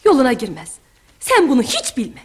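A woman's voice: high voice, huge pitch swings, normal speed. An actress playing an anxious, pious village mother who soothes her angry husband and defends her daughter. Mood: pleading. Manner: pleading, placating, full of pious exclamations. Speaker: mother and wife.

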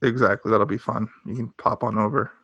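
A man's voice: lowish voice, fairly even intonation, brisk, creaky, fairly bright tone, husky, no echo, highs cut off. A man co-hosting a podcast, casually recapping a show with blunt, wry opinions. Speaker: podcast co-host. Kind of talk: casual recap chat about a sitcom.

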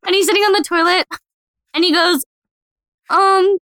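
Bright, high-pitched animated woman storyteller. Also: no echo. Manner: animated, fast, full of "like" and acted-out quotes. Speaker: podcast co-host. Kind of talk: casual storytelling chat.

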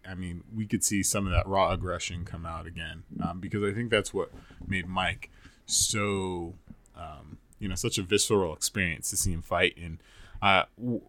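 A low-pitched man chats casually on a podcast, pausing often and filling gaps with ums. The sound is dry and close. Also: no echo. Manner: relaxed, hesitant, lots of fillers. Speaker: podcast co-host.

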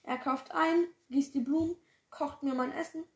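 Storybook: woman reading gentle, friendly old widow, high, in an echoey room. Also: steady tone, moderate pace. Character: kind lonely old widow, elderly woman. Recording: roomy echo.

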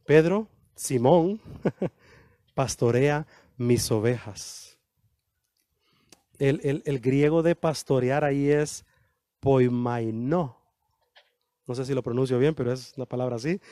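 A man preaching an animated sermon, acting out quoted dialogue with slow, emphatic lines. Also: a little high, no room sound, clean studio sound.

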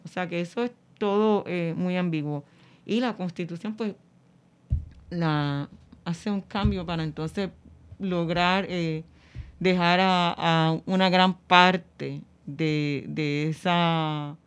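A woman explaining things in an interview, haltingly and searching for words. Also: on the low side, clean tone.

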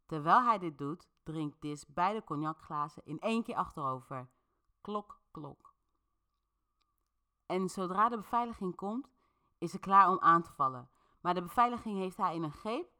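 With a fairly low pitch, a clean tone, and a moderate pace, a woman hosts a podcast. She relates an interactive story in a relaxed, chatty style, directly addressing her listeners.

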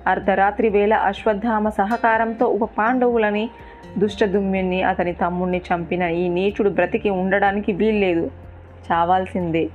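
A woman's voice: medium pitch, steady tone, normal speed, lightly acted. A vengeful, hot-headed male warrior, read by a woman narrator in a plain middle voice. The sound is tinny, like a phone, with faint music under it. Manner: plain speech in the narrator's own voice.

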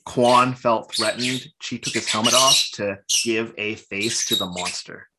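A man's voice: lowish voice, a little slow. A man co-hosting a podcast, chatting casually as an eager, rambling fan. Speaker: podcast co-host. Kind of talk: casual chat. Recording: loud background noise with clicks.

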